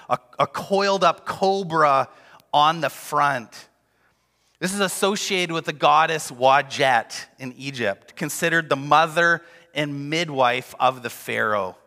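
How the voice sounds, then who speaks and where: A man's voice: fairly high pitch, sharp tone, in a large hall. A man preaching a sermon, emphatic and driving home repeated refrains. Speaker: pastor.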